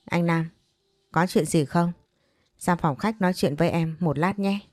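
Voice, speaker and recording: Scheming, smooth-talking woman, voiced by the narrator, low and dry. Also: unhurried, darkish tone, no echo. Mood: coaxing. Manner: coaxing, persuasive.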